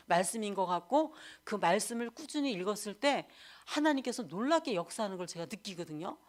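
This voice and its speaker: Woman evangelist giving a candid sermon. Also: on the high side. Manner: candid testimony, animated storytelling. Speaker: evangelist preacher.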